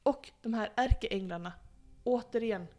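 A woman's voice: fairly high pitch, dark tone. A woman casually telling a history story to a friend, playfully acting out the people in it. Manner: playful, acts out quoted figures, laughs often. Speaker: podcast host telling history.

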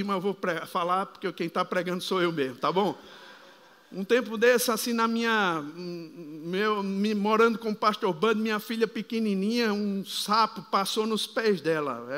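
A middle-aged man preaching a fervent sermon, calling the congregation to repeat phrases after him and building up to shouts. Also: high-pitched, moderate pace. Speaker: apostle preaching. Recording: long hall reverb.

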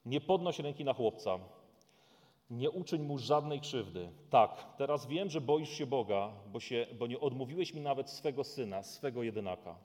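A man's voice: mid-range voice, expressive, normal speed, darkish tone, lightly acted. A man voicing the angel of the Lord, calling from heaven in a solemn, commanding way. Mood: urgent, solemn. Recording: long hall reverb.

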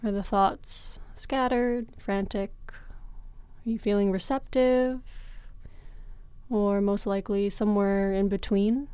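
A woman teaching yoga, guiding a breathing meditation in a slow, soft and soothing way with long pauses, recorded on a close mic. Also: mid-range voice, steady tone, smooth, no echo.

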